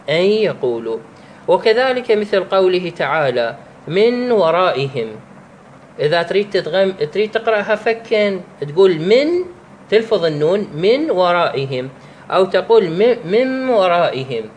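A man with an Iraqi Arabic accent teaching the rules of Quran recitation, drawing out each example slowly and pausing to restart his sentences. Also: high-pitched, slight background noise. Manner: slow, drawn-out recitation of examples; halting, with restarts and fillers. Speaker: religious teacher.

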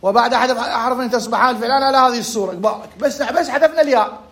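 A man's voice: very high-pitched, very fast, a bit bright. A man with an Iraqi Arabic accent teaching Arabic grammar in a conversational lesson, explaining through rhetorical questions and asides.

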